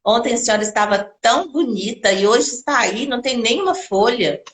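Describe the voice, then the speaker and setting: A woman's voice: on the high side, a little fast, lightly acted. A woman voicing a flock of friendly little birds in a children's folktale, with an eager storytelling lilt and an echoey room. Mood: curious.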